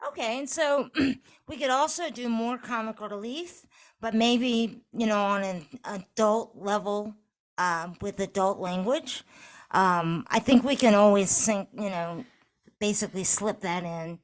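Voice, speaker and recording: A woman's voice: medium pitch, a little slow. A woman co-hosting a casual podcast, talking through plans in an organized way with plenty of "you know" fillers. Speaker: podcast co-host.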